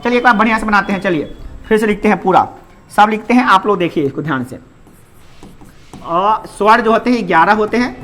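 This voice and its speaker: Bright-voiced grammar teacher. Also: male voice, sits high, normal speed, pauses often. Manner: drills vowel sounds aloud, asks and answers his own questions. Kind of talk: classroom lesson.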